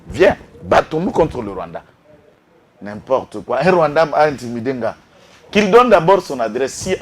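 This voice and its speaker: On a political talk show, an impassioned guest from Congo-Kinshasa mixes Lingala into his French and builds to outbursts. His voice is medium-pitched, with a slight hiss or hum in the recording.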